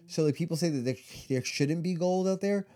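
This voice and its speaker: Rambling, dark-voiced man telling stories. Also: fairly high pitch, brisk. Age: 40s. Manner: rambling storyteller full of "like" and "you know". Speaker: podcast co-host. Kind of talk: casual chat, storytelling.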